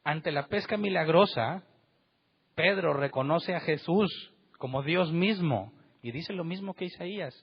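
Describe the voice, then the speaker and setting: Emphatic husky male preacher. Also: a little high, measured pace. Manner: emphatic, rhetorical questions, acts out quotes. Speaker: pastor. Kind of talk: sermon. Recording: dull lo-fi sound.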